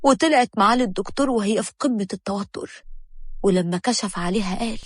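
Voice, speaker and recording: A woman narrating a scripted story in an Egyptian accent, with steady storytelling. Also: mid-range voice, fast, no echo, clean studio sound.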